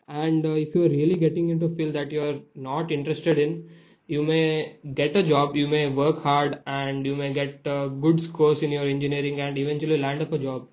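Higher-pitched young Indian man on a podcast. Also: a little mellow. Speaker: podcast co-host. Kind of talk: casual podcast discussion. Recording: slightly dull lo-fi sound.

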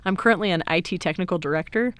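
A woman in her thirties speaks as an interview guest, explaining things at length in a cheerful, easygoing way. Her voice is smooth and clear. The recording is close and dry, with no room sound. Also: on the low side, racing, fairly bright tone, no room sound. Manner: upbeat, laughs easily, explains at length. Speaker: guest, IT director. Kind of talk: casual interview conversation.

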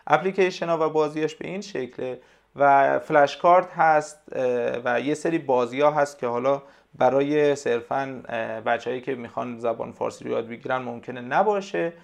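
Gravelly-voiced man explaining hesitantly. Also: medium pitch. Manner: hesitant, explanatory, frequent pauses and fillers. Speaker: language tutor, podcast guest. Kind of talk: casual conversational interview.

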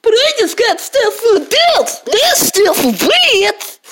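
A bratty eighteen-year-old boy, acted out by a woman in an improvised story. The voice is extremely high and swoops wildly. He sounds babyish, whiny and defiant. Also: wildly swooping pitch, slow, fairly bright tone, a little hiss or hum, heavily acted. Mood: whiny, outraged.

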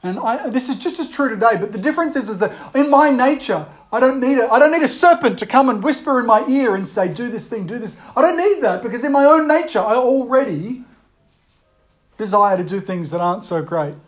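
A preacher giving a sermon, reading old verse slowly and acting out the voices of tempters. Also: medium pitch, animated.

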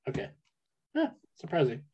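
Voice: moderate pace, warm tone. A person chatting casually while gaming, heard over a speakerphone, often trailing off mid-sentence. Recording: dull lo-fi speakerphone sound.

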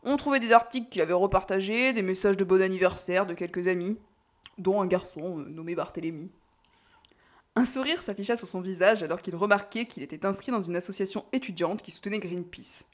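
A woman reads a novel aloud in a calm, measured way. Her narration is steady and quiet, and she takes the story at an even, unhurried pace. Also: medium pitch. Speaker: audiobook narrator. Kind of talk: scripted narration.

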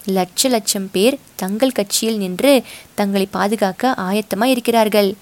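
A woman voicing a fierce, loyal boatman's wife who shouts in shrill, impassioned bursts. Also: a little slow, natural voice. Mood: rousing. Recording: dry close recording.

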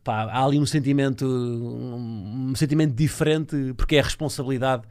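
A man's voice: mid-range voice, steady tone, moderate pace, darkish tone, clear, resonant tone. A man with a European Portuguese accent hosting a casual, joking interview in an informal, teasing way. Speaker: podcast host.

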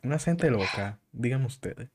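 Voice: mid-range voice, animated, normal speed, a little mellow, a little hiss or hum. A host, chatting casually and bringing up topics. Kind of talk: casual chat.

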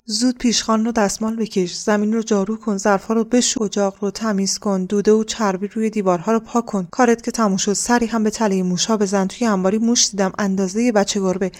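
A woman's voice: medium pitch, steady tone, hardly any pauses, close to an everyday voice. A woman reading a harsh, bossy male cook who barks orders at his apprentice in a storybook. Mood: scolding. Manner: scolding, barking orders.

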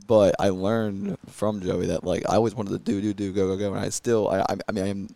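A man in his thirties chatting on a podcast in a very deep, gravelly, dark voice. He talks fast and trips over quick restarts, recorded dry and close. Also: no room sound. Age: 30s. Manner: energetic, stumbling restarts, swears casually. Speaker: podcast guest, brand co-founder. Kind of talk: casual podcast chat.

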